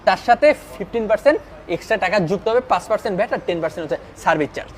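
A young man hosting a food review vlog in a restaurant, talking excitedly and emphatically, often asking "okay?". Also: high voice, rapid-fire, slight background noise. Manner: excited, emphatic, keeps asking "ঠিক আছে?". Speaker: food vlogger. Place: restaurant dining room.

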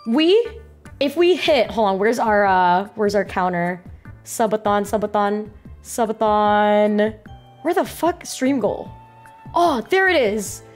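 A high-voiced young woman streams from her bedroom on a close mic with music underneath. She talks to her chat like a playful, excitable gamer girl, slangy and quick to swear. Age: young adult. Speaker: live streamer, host. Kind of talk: casual livestream chat with viewers. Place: small bedroom streaming setup. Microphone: close boom-arm microphone, headset on.

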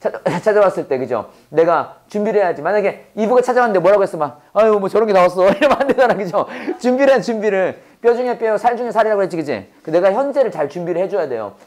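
Male English teacher with a native Korean tongue, animated delivery, drilling phrases with call-and-response. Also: high voice, quick pace, hardly any pauses. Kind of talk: Bible-based English lesson to a class.

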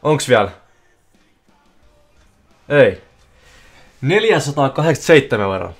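A man streaming casino slot games live, giving excitable running commentary that bursts into yelling at big wins. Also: medium pitch. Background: faint music playing.

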